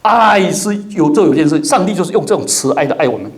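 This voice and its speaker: A male pastor delivers a sermon in church, his voice pitched high for a man. His intonation swings widely, and he acts out the people in his stories. He drops English words into his preaching. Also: fast talker. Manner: animated, acts out quoted people with big pitch jumps. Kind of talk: expository sermon.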